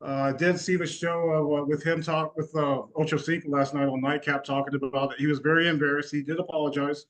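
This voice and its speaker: Male sports-show co-host, slightly raised pitch, easygoing, hesitant, filler-heavy. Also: fast, poor audio. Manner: relaxed, hesitant, many fillers. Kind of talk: casual sports talk.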